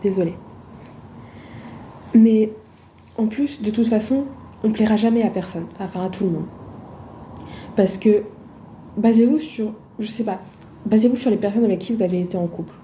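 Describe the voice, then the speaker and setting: A loud-spoken woman talking casually to her phone camera in a vlog, with emphatic rhetorical questions and frequent hesitations. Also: medium pitch, normal speed, long pauses, a little hiss or hum. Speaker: vlogger.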